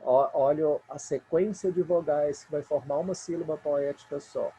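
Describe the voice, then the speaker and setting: A man's voice: a little high, fairly even intonation, normal speed, dark tone, slight background noise, poor audio. A man with a Brazilian Portuguese accent teaching a recorded remote lesson, patiently counting poetic syllables aloud.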